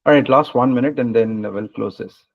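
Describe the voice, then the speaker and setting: A man's voice: medium pitch, moderate pace, vocal fry. A man hosting a webinar over a video call, speaking casually with many hesitant fillers. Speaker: webinar host. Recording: muffled video-call audio.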